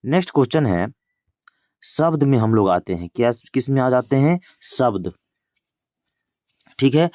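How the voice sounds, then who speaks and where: A man teaches exam grammar in a mid-pitched voice, close to a dry microphone. He asks each question twice and then answers it, keeping a casual classroom tone. The sound is plain and close, with no room echo. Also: darkish tone. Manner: casual teaching with English filler words. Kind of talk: exam-prep grammar lesson.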